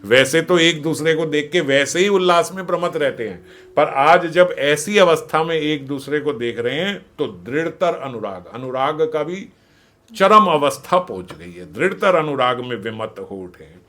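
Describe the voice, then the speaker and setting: A man giving a devotional scripture discourse, animated, acting out the dialogue and often laughing. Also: a little high, normal speed. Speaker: devotional storyteller.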